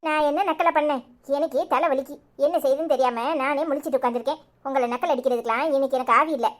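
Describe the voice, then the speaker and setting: A woman's voice: high voice, fairly even intonation, racing, lightly acted. A woman voicing a jealous young wife in a cartoon comedy, with a Tirunelveli Tamil accent. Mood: weary. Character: jealous young wife Anitha, feverish and pleading. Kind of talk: village cartoon drama.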